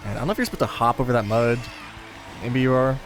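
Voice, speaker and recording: A man's voice: mid-range voice, fast talker, music in the background. A young man chatting casually while playing a racing game, telling a rambling story full of fillers. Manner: rambling, laid-back storytelling with many fillers. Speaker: gaming video host. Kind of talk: casual chat over gameplay.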